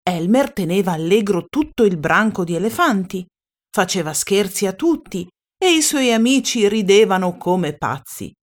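A woman reads a children's storybook aloud. Her voice moves freely up and down, lively and playful, at a middle pitch. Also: normal speed.

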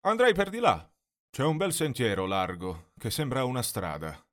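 A man's voice: mid-range voice, big pitch swings, normal speed, fairly bright tone, voice pushed up. A man reading a storybook and voicing a big, burly woodsman who talks as if he knows everything, in a blunt, self-assured way.

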